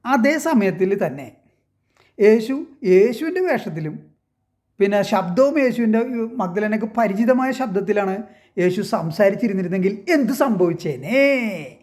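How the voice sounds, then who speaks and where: High-voiced man spinning rhetorical questions. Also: lively intonation, a little slow, darkish tone. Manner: rhetorical, keeps asking if listeners understand; storytelling, poses and answers his own questions. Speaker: online commentator. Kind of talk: casual monologue addressing viewers.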